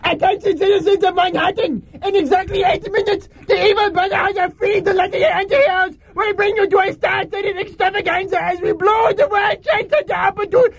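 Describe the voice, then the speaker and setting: Shrill, bombastic supervillain on bullhorn. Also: male voice, steady tone, fairly quick, few pauses. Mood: menacing, frenzied. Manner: bombastic, shouted proclamation. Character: ranting male supervillain announcing through a bullhorn.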